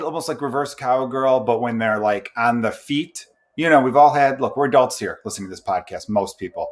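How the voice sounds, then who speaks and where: Rambling man hosting a casual podcast. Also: lowish voice. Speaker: podcast host. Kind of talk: casual chat.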